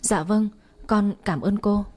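A woman's voice: mid-range voice, slow, warm tone. A woman voicing a feisty young noodle-stall owner who protests in a raised, defiant voice. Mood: apologetic.

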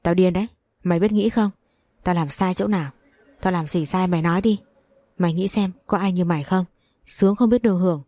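A woman's voice: lowish voice, a little fast, mellow, no room sound, lightly acted. A woman voicing a furious, betrayed wife who curses and scolds harshly.

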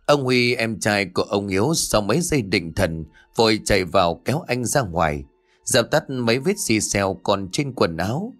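Low expressive male horror narrator. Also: moderate pace. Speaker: audiobook narrator. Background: faint music.

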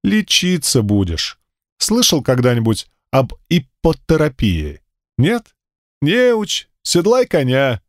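A man reading an audiobook puts on a harsh inner spirit, pitched a little higher than his own voice, who snaps out orders and sneers at the hero. He sounds curt and icy, with a dry, close sound. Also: huge pitch swings, slow, no echo, exaggerated voice. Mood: scornful. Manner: cold, curt and commanding, mocking. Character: domineering male spirit living in the hero's head. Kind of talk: audiobook character voice.

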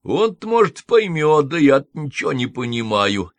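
A man voicing a falsely sweet old woman nurse who soothes in slow, drawn-out tones. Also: a little high, big pitch swings, dry recording. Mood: soothing. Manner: soothing, drawn-out, affectionate pet names.

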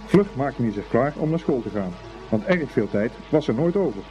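A man with a mid-range voice narrates a scripted story for a Dutch radio play, unhurried and expressive like a storyteller. It sounds like a dull old radio recording with faint music underneath.

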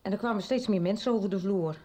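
This is 1990s radio drama acting: a woman voices a middle-aged character chattily confiding her past with small hesitations. Medium-pitched, fast and mellow, her delivery is close to an everyday voice, with a confiding mood.

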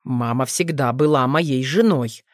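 A woman voicing a calm, gentle dragon father who talks to his young sons in a low, steady, reassuring way, read as an audiobook. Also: a little slow, no echo, clean studio sound. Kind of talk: audiobook reading.

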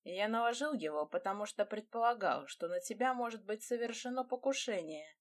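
Woman doing a gruff dark lord guy, curt and growly, audiobook. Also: mid-range voice, expressive, fairly quick, natural voice. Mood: guarded. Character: brooding male dark lord, gruff and commanding.

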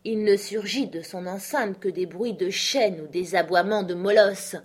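A woman narrating a classic novel as an audiobook, measured and expressive. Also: medium pitch. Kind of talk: literary audiobook reading.

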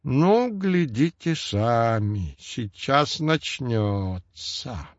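A man's voice: mid-range voice, big pitch swings, extremely slow, no room sound. A ginger storybook tomcat with a mustache, as a male narrator plays him, holds forth solemnly and sighs heavily over his household's troubles. His voice sits a little above the narrator's own. The recording is dull and dry, with no room sound. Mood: anxious. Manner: solemn, sighing, sly.

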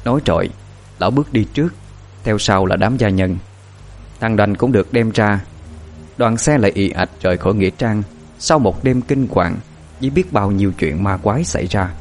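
Low-voiced, expressive horror storyteller man. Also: slight background noise.

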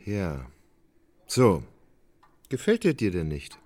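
An idle radio-play nobleman; unhurried, lively pitch. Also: exaggerated voice. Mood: weary. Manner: slow, measured, then bursts out. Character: gentle, idle nobleman, slow, roused to anger. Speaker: Oblomov. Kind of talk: radio drama acting.

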